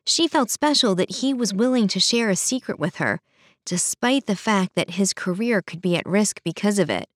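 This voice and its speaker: A woman reading a story aloud in steady audiobook narration, voicing the characters lightly. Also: mid-range voice, moderate pace, no echo, clean studio sound.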